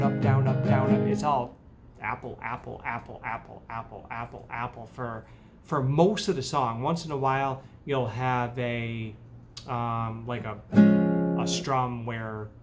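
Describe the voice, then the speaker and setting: A man's voice: mid-range voice, a little hiss or hum. A man giving a casual guitar lesson, counting beats and chanting a word for each strum pattern. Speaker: guitar teacher. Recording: guitar playing underneath.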